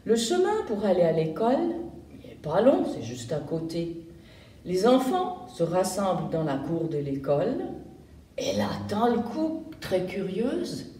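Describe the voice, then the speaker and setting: A woman reading a picture book aloud to young children in a library, explaining words as she goes. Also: lowish voice. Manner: slow and animated, explaining words to kids. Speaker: volunteer children's reader. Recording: roomy room, distant mic.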